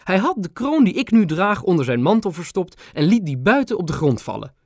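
A stern old queen and grandmother, raised high and speaking in crisp staccato bursts, as a male audiobook reader puts her on. Her voice swings widely, and the recording is dry and close. She sounds regal and a little severe. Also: big pitch swings, a little fast, no room sound, exaggerated voice. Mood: stately. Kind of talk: audiobook character voice.

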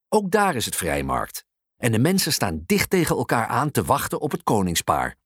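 A storyteller reading a children's story aloud in an expressive way. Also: medium pitch, slightly rough, dry recording, clean studio sound. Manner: expressive, with lively voices.

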